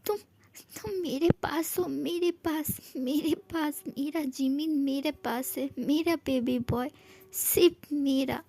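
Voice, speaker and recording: A woman's voice: sits high, slow pace, dark tone, slight background noise. A woman voicing a young husband in a fan audio drama, tender and pleading one moment, teasing and mock-threatening the next. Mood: overjoyed, tender.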